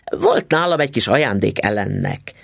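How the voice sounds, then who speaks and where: Man reading a fussy old husband, gravelly, husky, dry close sound. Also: fairly low pitch, very animated, fairly bright tone, no echo, heavily acted. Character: fussy, teasing elderly husband.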